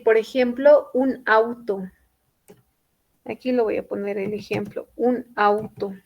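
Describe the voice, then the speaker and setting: A woman gives a classroom lesson at a slow, careful pace. Her voice sits slightly high, and she repeats each point patiently, checking often that her students are following. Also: lo-fi sound. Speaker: English teacher.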